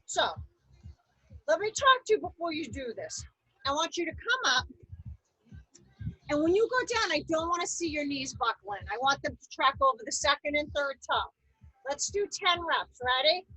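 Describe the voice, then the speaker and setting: A woman aerobics instructor leading an exercise class, giving energetic, encouraging cues and counting reps. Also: high voice, normal speed, long pauses, no echo, low-quality recording. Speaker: aerobics instructor leading a seated chair workout.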